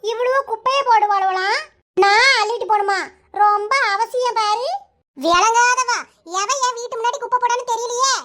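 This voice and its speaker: A woman doing a shrill, scolding village housewife. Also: steady tone, moderate pace, sharp tone. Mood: grumbling. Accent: Kanyakumari Tamil. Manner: scolding, complaining. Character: quarrelsome middle-aged village woman, fussy housekeeper. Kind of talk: cartoon dialogue.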